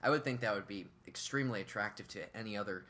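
A man's voice: on the low side, fast, pushed and bright. A man in casual chat, adding dry, joking asides.

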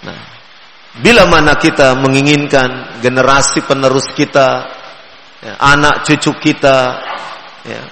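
A man giving a gentle sermon on raising children, repeating key phrases and drawing out his tones. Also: medium pitch. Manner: gentle, repetitive teaching with drawn-out tones. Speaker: Islamic preacher. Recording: echoey hall with long reverb.

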